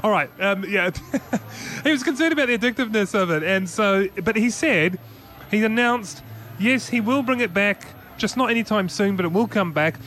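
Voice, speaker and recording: A man's voice: sits high, normal speed, sharp tone. A man co-hosting a tech news podcast, chatting casually and rambling with restarts and laughs. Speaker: podcast co-host.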